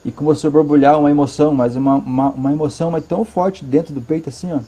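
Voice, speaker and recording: A man with a Brazilian Portuguese accent tells his story in earnest from his living room. He pauses often and repeats words to stress them. His voice sits a bit high but sounds soft and mellow. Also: fairly even intonation, husky. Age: adult, father of a five-year-old. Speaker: interview guest. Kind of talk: personal testimony in conversation.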